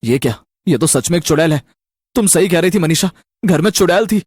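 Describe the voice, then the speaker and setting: Calm young husband in a storybook tale, deeper than her normal voice, dry sound, woman doing him. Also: a little fast, husky, no echo. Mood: startled. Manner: relaxed, reassuring.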